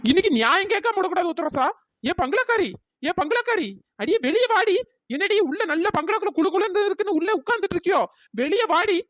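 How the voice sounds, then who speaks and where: A voice actor voicing a fierce little village girl in a cartoon story, bossy and defiant, with a pitch-raised voice. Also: animated, quick pace, no room sound, clean studio sound. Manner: defiant, bossy shouting at a bungalow.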